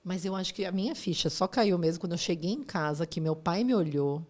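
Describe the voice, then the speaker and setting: A woman's voice: lowish voice, brisk. A woman in her forties, a podcast guest, telling her own story in casual chat and acting out what others said. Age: 40s. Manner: animated, acts out quoted voices.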